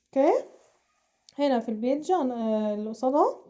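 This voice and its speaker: Egyptian woman, primary English teacher, mellow high voice, slightly dull lo-fi sound. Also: lively intonation. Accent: Egyptian Arabic. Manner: drawn-out, drilling words for children to repeat. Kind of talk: slow primary English lesson with Arabic explanation.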